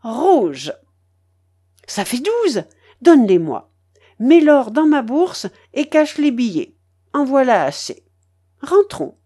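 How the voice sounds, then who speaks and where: A woman voicing an imperious, excitable old grandmother at the roulette table, giving shrill, bossy commands in an audiobook reading. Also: slow pace, slightly rough, full character voice. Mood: excited.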